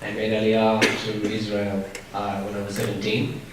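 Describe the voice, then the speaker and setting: A man's voice: fairly low pitch, completely flat delivery, normal speed. A man in his twenties, a visiting soldier, introducing himself in a plain, matter-of-fact way. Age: 20s. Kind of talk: self-introduction. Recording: echoey hall, voice from far off, noisy.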